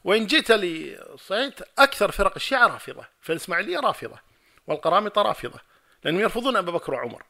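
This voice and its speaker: A man delivers a religious lecture in a high, bright voice and talks at a brisk pace. He acts out a past debate as back-and-forth dialogue, stacking one forceful, repeated line on top of another. Between these runs he answers questions from the audience. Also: very animated. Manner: emphatic, retells a debate in dialogue and builds to forceful repeated points. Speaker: Islamic scholar giving a lecture.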